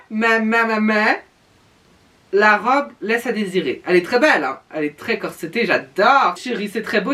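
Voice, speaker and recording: A man's voice: high-pitched, sharp tone, distant mic. A man giving casual reaction commentary on fashion looks with campy, theatrical drag-queen flair, sprinkling in pet names and English slang. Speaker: reviewer giving opinions on a televised drag competition.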